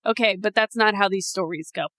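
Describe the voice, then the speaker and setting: A woman co-hosting a podcast speaks fairly quickly in a mid-range, fairly bright voice, captured in a dry recording. Chatting casually, she narrates something creepy to her friend, full of teasing and laughter.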